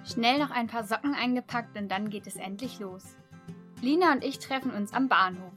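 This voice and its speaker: Young female student reporter, higher voice, chatty travel diary, faint music behind. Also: normal speed, fairly bright tone. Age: young adult. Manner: chatty, upbeat, personal.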